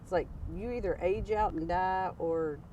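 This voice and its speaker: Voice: mid-range voice, normal speed, mellow, far from the mic, muffled recording, slight background noise. A speaker from Tennessee with a Southern accent, telling rambling stories in casual chat. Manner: rambling, anecdotal, many "like" fillers. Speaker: interviewee, local.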